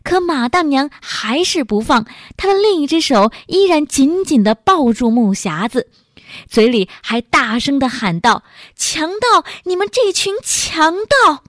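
A woman narrating a dramatic story in an expressive, measured way. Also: high-pitched, dry recording, clean studio sound.

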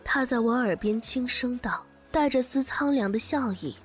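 A woman's voice: a little high, moderate pace, soft background music. Emotional woman reading an audiobook. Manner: emotional, breaking into tearful cries in quoted dialogue. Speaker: audiobook narrator. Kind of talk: scripted first-person narration.

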